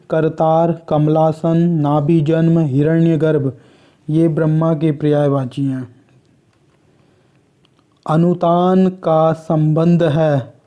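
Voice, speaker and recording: Slow, dark-voiced Hindi quiz teacher. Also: male voice, a little high. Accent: Uttarakhand Hindi. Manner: slow, measured, list-like delivery. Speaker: exam prep teacher. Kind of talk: reading out quiz questions and answers.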